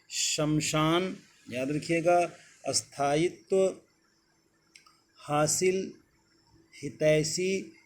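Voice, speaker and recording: Male tutor, unhurried exam-prep drill voice, slightly raised pitch. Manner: slow, deliberate dictation of words one by one. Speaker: teacher. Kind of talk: exam-prep lesson on spelling.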